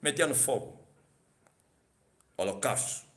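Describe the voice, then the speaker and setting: A man preaching a sermon, telling a story dramatically, acting out voices with sudden shouts and quizzing the congregation. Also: medium pitch, expressive, slow. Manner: asks the congregation questions.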